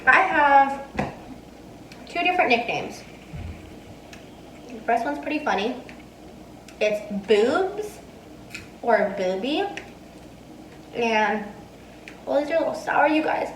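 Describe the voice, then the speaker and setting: A woman's voice: high-pitched, very animated, slow pace, pauses often, a bit bright, echoey room, recorded from a distance, slight background noise, rough recording. Chatty twenty-something woman eating on camera. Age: 20s. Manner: chatty, eating between answers. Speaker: mukbang vlogger. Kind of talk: casual Q&A while eating. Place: dining room indoors. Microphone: earphone mic, phone in hand.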